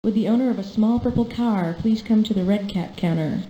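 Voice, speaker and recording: A woman voicing a calm airport announcer who gives soft, polite, unhurried pages over a public address system. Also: mid-range voice, slight background noise. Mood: polite paging. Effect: soft announcement over an echoing public address system. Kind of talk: educational game voice acting. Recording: echoey loudspeaker announcement.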